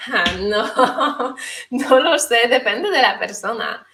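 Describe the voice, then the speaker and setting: A woman's voice: fairly high pitch, animated, slow pace, pushed and bright. A woman who works as a language teacher, answering interview questions thoughtfully with frequent hesitations and fillers. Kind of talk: conversational interview.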